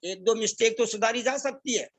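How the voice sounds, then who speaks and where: A man leads a religious recitation class in a high-pitched voice. He chants verses slowly and deliberately, stressing each vowel length, then explains pronunciation, slipping in English phrases. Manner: mixes English phrases into Hindi. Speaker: scripture recitation teacher.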